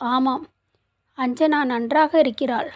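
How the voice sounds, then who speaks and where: A woman voicing an anxious, secretive older sister, in an even, formal storybook delivery. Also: high-pitched, takes it slowly. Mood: tense. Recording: muffled, slightly lo-fi recording.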